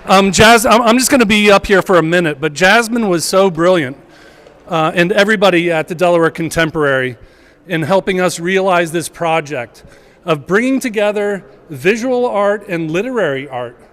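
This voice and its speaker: A man with a notably high voice addresses a gallery gathering in a relaxed, unscripted way. He pushes his voice out to reach the room and pauses often to find his words. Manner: projecting to a room, hesitant with fillers. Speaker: college department chair giving remarks. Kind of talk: casual public remarks. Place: art gallery event, indoors.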